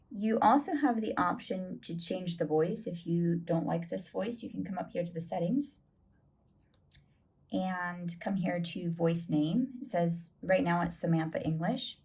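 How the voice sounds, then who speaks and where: A woman with a slightly low voice talks through an app tutorial. She explains each step in a relaxed, chatty way and drops in easy fillers as she goes. She sounds like she is recording a friendly how-to at her own pace. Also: slightly rough. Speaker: tutorial host. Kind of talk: casual screen tutorial.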